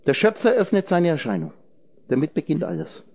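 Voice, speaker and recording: Guy with a pretty high voice rambling through an esoteric talk, breaking words into letters and numbers, asking the crowd questions. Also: sing-song, a little fast, gravelly, a little mellow. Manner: talks directly to listeners with questions. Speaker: speaker addressing a group. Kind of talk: esoteric lecture.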